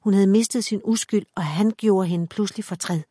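A woman reading a dark story aloud in measured, dramatic scripted audiobook narration. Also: medium pitch, breathy edge, no room sound, studio quality.

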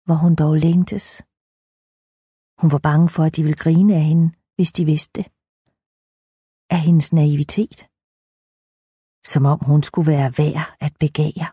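A woman narrating an audiobook in a calm, measured reading voice. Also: low-pitched, husky, dry recording, studio quality.

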